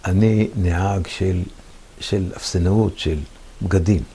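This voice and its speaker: A man's voice: low-pitched, fairly even intonation, mellow, slight background noise. A man in his seventies from Israel, a veteran telling his war memories in an interview. He tells the story vividly and acts out what others said. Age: 70s.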